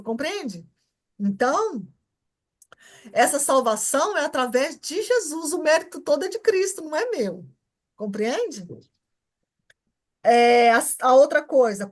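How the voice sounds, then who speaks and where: Lively high-voiced Brazilian woman teaching. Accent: Brazilian Portuguese. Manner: repetitive, keeps checking understanding with short tags. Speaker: church welcome class teacher. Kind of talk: informal Bible class teaching.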